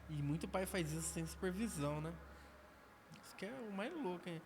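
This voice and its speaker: A man's voice: sits high, brisk. A man with a Brazilian accent, a podcast guest telling stories from his life in a slangy, darkly humorous way. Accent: Brazilian Portuguese. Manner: storytelling, slangy, dark humor. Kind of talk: casual testimony and chat. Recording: noisy recording.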